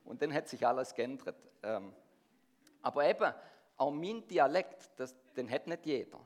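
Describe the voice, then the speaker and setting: Speaking at a measured pace with lively intonation, a middle-aged man of medium pitch preaches a sermon. He's from near Stuttgart, with a Swabian accent touched by Swiss German, and he engages the congregation through questions.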